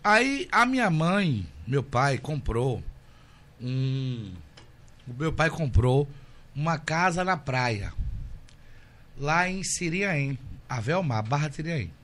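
Animated man, high and lively. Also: slow, pauses often. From Brazil. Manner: animated, flamboyant storyteller who acts out dialogue. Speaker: guest. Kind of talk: casual storytelling interview. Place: indoor room with cameras.

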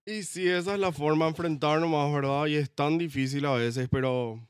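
Young man, Argentine accent, playful teasing chat, slightly raised pitch, dry close sound. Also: steady tone, moderate pace, clear, resonant tone, no room sound. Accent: Argentine Spanish. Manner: playful, teasing, slips into English. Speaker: podcast guest. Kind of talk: casual chat.

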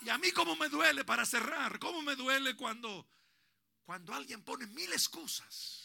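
A man in his sixties preaching a sermon at a church service, swinging from hushed tender talk to shouted preaching. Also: extremely high pitch, expressive, moderate pace, soft background music. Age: 60s. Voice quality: gravelly. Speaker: pastor. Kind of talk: Pentecostal-style preaching.

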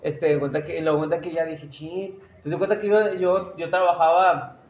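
A man's voice: on the high side, flat delivery, a little fast, roomy sound. A young man with a Mexican Spanish accent telling a story in casual chat, slangy and laughing as he acts out the voices of other people.

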